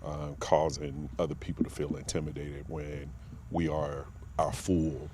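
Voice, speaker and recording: A man from Virginia, a guest on a casual podcast interview, speaks earnestly and reflectively with many pauses and fillers. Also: very deep voice, little pitch movement, background noise. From Martinsville, Virginia, USA. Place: outdoor expo grounds.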